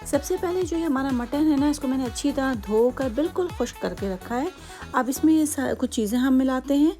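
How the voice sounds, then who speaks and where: A woman's voice: high-pitched, animated, a little fast, dark tone, faint music behind. Chatty Hyderabadi woman teaching home cooking. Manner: chatty, explains steps patiently with many asides. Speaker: cooking channel host.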